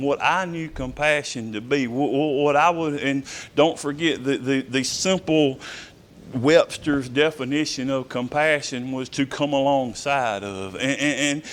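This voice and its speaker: A man delivers a church sermon in a slightly higher voice. He speaks in a folksy, storytelling way and stumbles often, repeating words as he searches for the next thought. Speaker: pastor.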